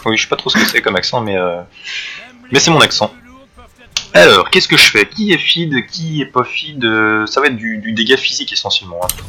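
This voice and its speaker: Bright-voiced male game streamer. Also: mid-range voice, animated, brisk, a little hiss or hum. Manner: chatty, reacts to chat and game while playing. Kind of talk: live gameplay commentary.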